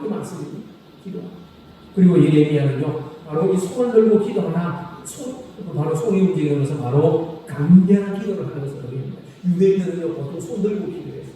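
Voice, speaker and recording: A man preaching a sermon as pastor, reading scripture slowly and asking the congregation questions, then repeating the answers himself. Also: on the high side, mellow. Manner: asks the congregation questions and repeats key phrases; slow, solemn scripture reading. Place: church sanctuary. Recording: echoey hall reverb from a distant mic, faint noise.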